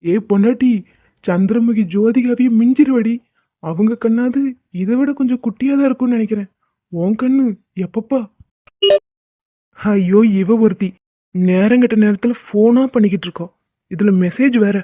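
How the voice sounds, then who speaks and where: A woman voicing an exasperated young husband in an animated comedy, teasing and pleading with his wife. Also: a little high, normal speed, pauses often, no room sound, lightly acted. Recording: tinny phone-like sound.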